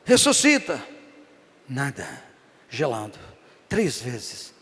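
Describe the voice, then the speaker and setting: A man's voice: medium pitch, wildly swooping pitch, slow pace, fairly bright tone, breathy edge, in a large hall. A man with a Brazilian Portuguese accent preaching a sermon at a church service as pastor, telling stories animatedly and often asking the congregation "amém?".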